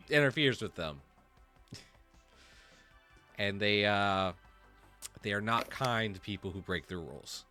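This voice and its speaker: A man runs a tabletop game in a loose, halting way, full of fillers. His voice is fairly low but bright and forward. Soft music plays behind him. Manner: casual, halting, with many fillers. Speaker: game master.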